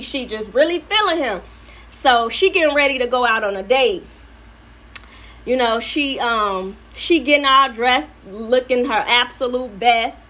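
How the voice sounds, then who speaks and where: Earnest, slightly high woman podcast host. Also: fairly bright tone. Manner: earnest, loving, repeats words and restarts often; conversational storytelling with quoted asides.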